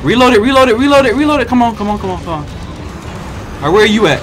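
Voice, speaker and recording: Young american guy doing gameplay, high voice all over the place, trash talking, game music behind. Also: very animated, fast, a bit bright. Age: young adult. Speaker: gaming video host. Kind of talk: excitable gameplay commentary. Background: game music and sounds.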